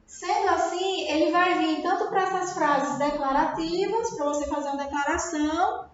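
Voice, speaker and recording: A woman's voice: very high-pitched, normal speed. A woman with a Brazilian Portuguese accent, teaching a grammar lesson and often checking understanding with tag questions. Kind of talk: recorded classroom lesson. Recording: very echoey room, dull sound.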